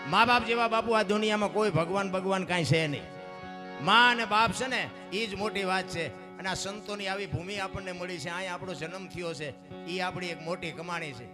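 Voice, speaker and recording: A man telling folk tales and preaching to a live crowd in an animated way, with music behind. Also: high-pitched, moderate pace. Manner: animated, preaching, addresses listeners as bapu. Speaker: folk storyteller. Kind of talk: folk storytelling sermon at a live program.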